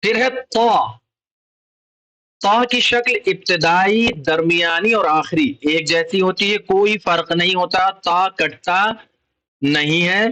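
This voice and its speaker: A man's voice: high-pitched, bright, forceful tone, low-quality recording. A man with an Urdu accent teaching children the Arabic letters, explaining patiently and repeating each letter and its sound. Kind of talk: slow explanatory lesson.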